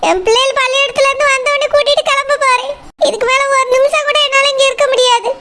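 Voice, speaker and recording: A proud, humiliated cartoon elder daughter-in-law pours out complaints, as a woman acts her out. The voice is very high and bright. Faint noise sits underneath. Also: steady tone, quick pace, heavily acted. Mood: aggrieved. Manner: aggrieved, complaining.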